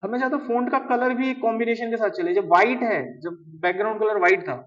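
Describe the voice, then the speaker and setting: A man's voice: high voice, fairly even intonation, quick pace, fairly bright tone. A man teaching web design step by step in a conversational tone, often asking his students questions. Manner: conversational, asks the class questions. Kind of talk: live coding tutorial. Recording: distant mic, dull lo-fi sound.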